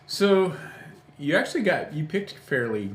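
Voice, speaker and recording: A man's voice: fairly high pitch, very animated, unhurried, roomy sound. A man co-hosting a live painting stream, chatting casually and tossing in playful jokes. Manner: joking, playful asides. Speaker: co-host.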